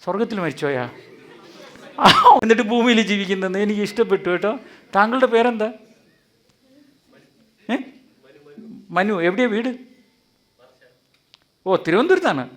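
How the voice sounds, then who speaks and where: A man preaching an animated sermon in a hall before a live audience, calling on listeners to answer aloud. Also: high voice, a little slow, long pauses. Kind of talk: lively sermon with audience interaction.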